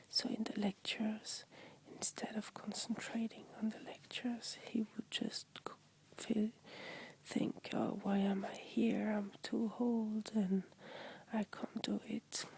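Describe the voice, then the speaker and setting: Woman, French accent, whispered ASMR, gentle simple explaining, unhurried, flat intonation. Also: medium pitch, low-quality recording.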